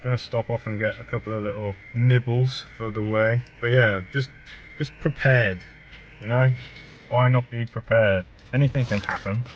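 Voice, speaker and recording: A man's voice: medium pitch, steady tone, normal speed, dull audio, a little hiss or hum. A man talking casually as a vlogger, rambling a little, with wry, self-deprecating understatement. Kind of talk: casual chat to camera.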